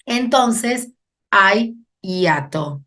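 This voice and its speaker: A woman's voice: medium pitch, expressive, extremely slow, pushed and bright. A woman teaching a grammar lesson, explaining patiently and checking in with her students as she goes.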